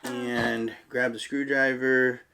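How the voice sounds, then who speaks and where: Bright-voiced man hosting an unboxing. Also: medium pitch, flat delivery, slow, creaky, slight background noise. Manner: patient, instructive, talks straight to viewers. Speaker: channel host and parent. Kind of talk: casual unboxing narration.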